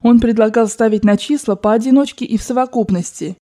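A woman's voice: fairly high pitch, fairly quick, warm tone. Woman narrating a classic novel. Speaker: audiobook narrator. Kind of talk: audiobook narration.

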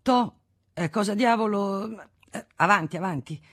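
A woman's voice: extremely low pitch, expressive, normal speed, fairly bright tone, breathy edge, dry recording, clean studio sound, heavily acted. A woman voicing a brusque middle-aged merchant, curt and impatient, in a literary audiobook.

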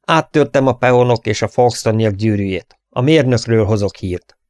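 A man's voice: lowish voice, a little mellow, no room sound, studio quality, close to an everyday voice. Man reading as a curt cowboy hero. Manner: terse, commanding. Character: tough young cowboy hero giving curt orders.

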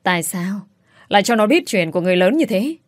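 A woman's voice: medium pitch, animated, no echo, studio quality, close to an everyday voice. A woman voicing a bitter, grieving young woman. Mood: bitter, accusing. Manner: sharp, accusing, quick outbursts. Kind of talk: audiobook character voice.

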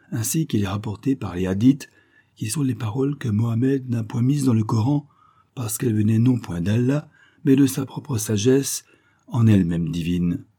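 A male storyteller reading a tale in a measured, expressive way. His voice is low and husky, with a warm, mellow tone. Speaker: narrator.

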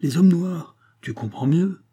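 A man reading aloud as a gruff, bossy farmer who talks in loud, blustering bursts. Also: fairly high pitch, measured pace, pitched above the performer's own voice.

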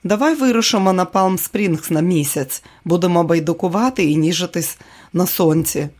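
A man's voice: sits high, normal speed, a little mellow. A man voicing a weary, wry aging comedian. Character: tired aging man, famous comedian, joking husband. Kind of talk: audiobook character reading.

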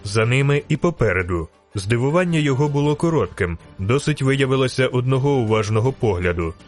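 A man reading a fantasy novel aloud in steady, scripted audiobook narration. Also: mid-range voice, brisk, faint music behind.

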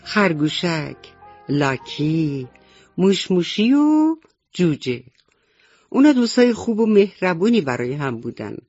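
A woman's voice: on the low side, big pitch swings, no room sound, faint music behind. Tender woman telling a bedtime story. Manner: warm, tender storytelling to children. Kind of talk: radio bedtime story for children. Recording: dull dry old radio recording.

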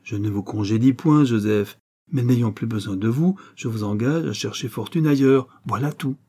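A man's voice: medium pitch, normal speed, mellow, slightly rough. A man voicing a carefree, haughty young Parisian count in an audiobook reading, talking in a lofty, teasing way.

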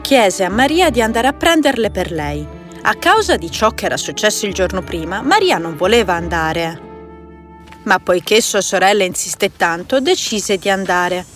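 A woman narrating a fairy tale in scripted storytelling style, clear and even. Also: medium pitch, moderate pace. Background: soft music.

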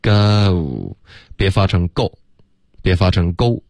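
Low-voiced male pronunciation teacher, dry close sound, breaks English phrases down slowly for radio learners. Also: lively intonation, vocal fry, a little mellow, no room sound. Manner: explains in Mandarin and demonstrates English phrases slowly, syllable by syllable. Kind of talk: radio English lesson, co-hosted.

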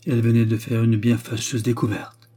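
A man narrating a literary audiobook in a steady, measured reading. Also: mid-range voice, breathy edge.

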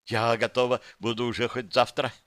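Young female demoness, voiced by a man, breathy, pleading, trembling, audiobook figure, bright tone. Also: medium pitch, level tone, moderate pace, no echo, close to an everyday voice. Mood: shy subdued.

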